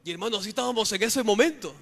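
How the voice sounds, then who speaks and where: A man preaching fervently, his voice high and bright. He keeps turning to his listeners as brothers while telling his testimony. The sound rings with the long echo of a church hall. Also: lively intonation, very fast, gravelly. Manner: fervent, calls listeners "hermano" constantly. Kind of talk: testimony sermon.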